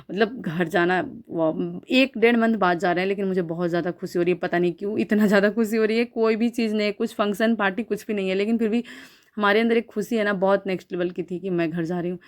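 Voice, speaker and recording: A young woman from Bihar talks through her day in a casual vlog voice-over. Her speech is chatty and loose, full of fillers and restarts, pitched in the middle for a woman. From Bihar, India. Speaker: vlogger.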